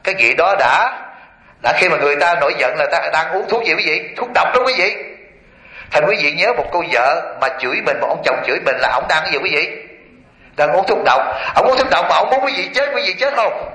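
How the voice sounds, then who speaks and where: Chuckling often through his stories, a Buddhist monk gives a sermon to a lay audience and keeps testing them with rhetorical questions. He sounds a little high-pitched, expressive and brisk, with a sharp tone. The recording was made in an echoey hall.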